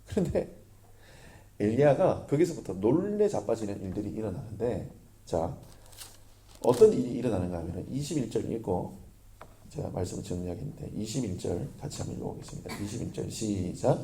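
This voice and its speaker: A man preaching a sermon as pastor, lively, often asking the congregation questions. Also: lowish voice, a little fast, a little hiss or hum.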